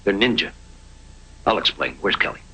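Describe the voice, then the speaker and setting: An actor playing a stern, calm middle-aged mentor who coaxes a young woman along in a low, steady way. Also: moderate pace, vocal fry, over music, full character voice, rough recording.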